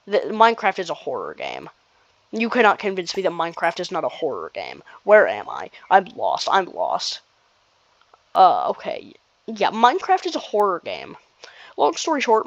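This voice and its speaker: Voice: medium pitch, a bit bright, no echo, highs cut off. A gamer giving casual gameplay commentary, rambling and restarting sentences with nervous laughs.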